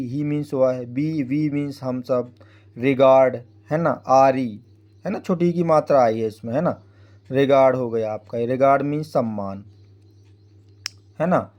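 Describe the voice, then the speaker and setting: A man's voice: medium pitch, measured pace, darkish tone. A man teaching English phonics in Hindi, spelling words out letter by letter and often checking in with the listener. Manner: frequent tag "है ना" checking with the viewer.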